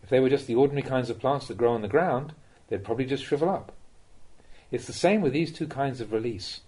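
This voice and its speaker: A man reads a monk's Buddhist Dhamma talk in a mid-range, mellow, slightly husky voice. He addresses the listener directly, in a measured and instructive fashion.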